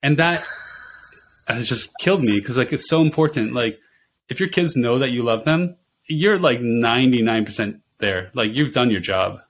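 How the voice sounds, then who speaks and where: Laughing, animated man telling stories. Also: medium pitch, normal speed. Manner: animated storyteller who laughs often. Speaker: podcast guest, pediatric oncology nurse. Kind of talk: casual interview chat.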